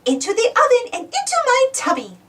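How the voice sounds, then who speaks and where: A woman voicing an excitable, cheerful little girl piglet in a children's storybook, exclaiming in a childlike way. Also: very high voice, brisk, far from the mic, voice pushed up, full character voice. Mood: excited.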